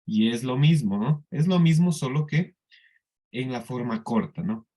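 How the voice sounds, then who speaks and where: A man teaching an English class in Spanish with a Colombian accent, explaining slowly and patiently and often checking that the students follow. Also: mid-range voice, expressive, warm tone. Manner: slow, patient explaining with frequent checks for understanding. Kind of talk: classroom lesson.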